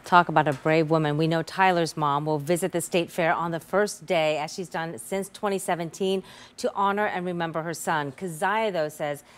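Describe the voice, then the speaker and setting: Low-voiced woman news reporter. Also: fairly even intonation, moderate pace. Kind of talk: news report and studio chat. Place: TV news studio.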